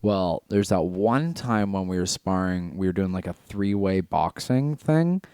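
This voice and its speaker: A man's voice: sits low, lively intonation, a little slow, mellow, clean tone, no echo, clean studio sound. A man co-hosting a podcast in casual chat, blunt and profane as he tells fight stories. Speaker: podcast co-host.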